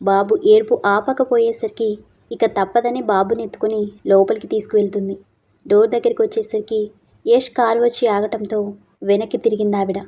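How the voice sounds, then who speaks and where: A woman telling a scripted story with steady, expressive narration. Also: mid-range voice, normal speed, husky, lo-fi sound.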